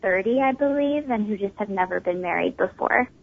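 Over a tinny phone line, a twentysomething pageant winner politely fields interview questions, peppering her answers with ums. Her small, tiny voice is mid-range with lively intonation, a brisk pace, vocal fry and a breathy edge.

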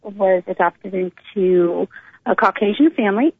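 A middle-aged woman from Northern California, United States, shares her personal story as a guest in an interview, speaking informally and conversationally at a measured pace. Her medium-pitched voice carries a gravelly fry, and it comes through a narrow, tinny phone line with no room sound.

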